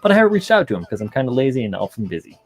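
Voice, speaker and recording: A man hosting a casual livestream chat, relaxed and rambling with many fillers, a little tired. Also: medium pitch, very fast, husky. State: yawning, tired. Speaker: streamer hosting a model-building stream.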